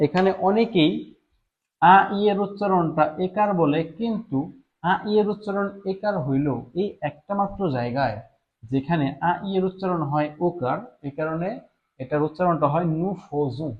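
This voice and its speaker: A man's voice: fairly high pitch, moderate pace, dull audio. A man giving a live online lesson, patiently explaining French words and repeating each one several times. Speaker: French teacher.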